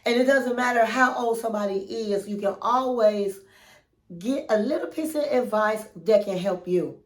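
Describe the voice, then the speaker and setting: A woman with a cold and a nasal, fairly high voice chats casually with viewers on her own relationship advice channel, calling them queens and honey. She is a relationship coach who speaks at a moderate pace, and the sound is roomy.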